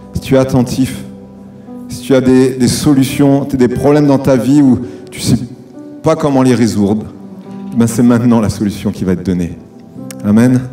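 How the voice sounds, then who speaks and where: A man's voice: medium pitch, warm tone. A man leading worship, urging the congregation on and calling for amens. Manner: exhorts the congregation with calls for amen. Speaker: worship leader.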